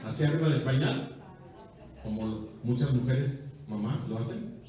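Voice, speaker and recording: A man with a Mexican accent preaching a sermon, quizzing the congregation and joking, moving between loud and quiet. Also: mid-range voice, unhurried. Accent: Mexican Spanish. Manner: asks the congregation questions, jokes, swings from loud to soft. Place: church hall. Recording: echoey hall, voice from far off.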